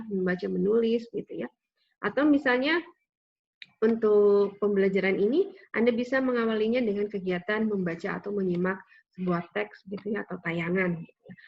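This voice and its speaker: A woman's voice: medium pitch, husky. A woman giving a recorded lecture on grammar, explaining patiently with frequent tag questions. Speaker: university lecturer. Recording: slightly dull lo-fi audio with faint noise.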